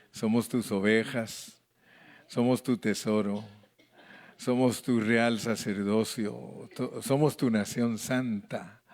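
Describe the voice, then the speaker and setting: A man pastor teaching a Bible study to his congregation, speaking slowly and deliberately, reading verses aloud and asking people to read along. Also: fairly low pitch, darkish tone. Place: church hall with a congregation.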